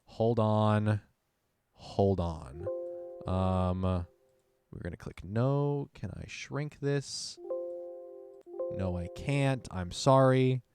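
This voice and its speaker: A man's voice: fairly low pitch, drawn-out words, pauses often, music in the background. A young man co-hosting a podcast in casual chat, reading announcements aloud and adding side comments. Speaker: podcast co-host.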